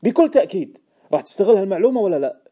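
Picture a pushy stock tipster talking loud and high in a Gulf Arabic accent, as a male audiobook reader puts him on. He swings his voice up and down as he presses his hot tip, quick and indignant. The lines come from a storybook reading. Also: very animated. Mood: insistent. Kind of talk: audiobook character voice.

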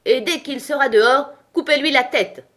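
A woman doing a shrieking furious queen. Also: normal speed. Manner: shrill, shouting.

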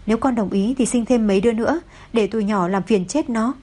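A woman voicing a gentle but stern older mother-in-law who speaks softly and scolds dryly. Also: a little high, fast talker, breathy edge. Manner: soft-spoken, scolds dryly.

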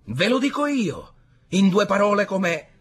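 Guy playing a worked-up young sailor in an audiobook, high, husky and bright, spilling out war stories in a rush. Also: very animated, moderate pace, exaggerated voice. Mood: excited. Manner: vivid, rising storytelling. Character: excitable young male sailor-soldier recounting battle.

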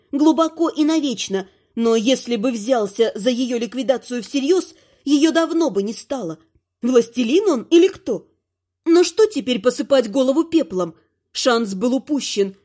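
A woman narrating a fantasy audiobook in an even, expressive storytelling manner. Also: sits high.

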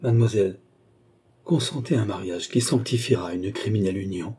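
A man's voice: on the low side, brisk, warm tone, slightly rough. A man reading an audiobook, voicing a remorseful young man who pleads with earnest intensity. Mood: pleading. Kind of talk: audiobook character voice.

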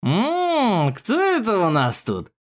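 A man's voice: a little high, big pitch swings, moderate pace. A man voicing a mocking, crude male police thug with a jeering manner in an audiobook. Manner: jeering, sneering, loud.

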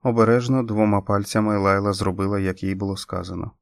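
Low-voiced male audiobook narrator. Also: fairly even intonation, fast talker, gravelly, no room sound, clean studio sound. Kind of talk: scripted narration.

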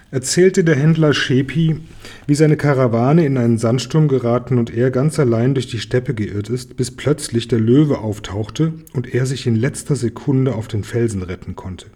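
A man calmly reading a children's book aloud. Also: mid-range voice, husky. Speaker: reader.

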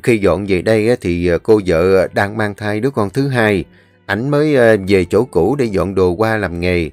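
Người kể chuyện đóng ông chủ điền già nghiêm nghị. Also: male voice, fairly low pitch, normal speed, a little mellow, no room sound, faint music behind, natural voice. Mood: explaining. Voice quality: firm, commanding manner. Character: stern, protective elderly village landlord.

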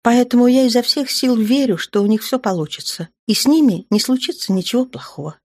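A woman voicing a spirited grown woman commander and caring mother, with a lively, brisk delivery in an audiobook. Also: fairly high pitch, voice pushed up. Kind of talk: audiobook character voice.

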